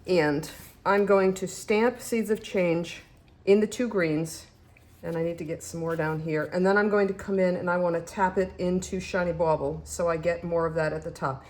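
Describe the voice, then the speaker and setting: Chatty woman demonstrating crafts, lowish voice. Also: fairly even intonation, normal speed, a little mellow. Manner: chatty, self-deprecating, talks while working. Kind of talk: casual craft tutorial.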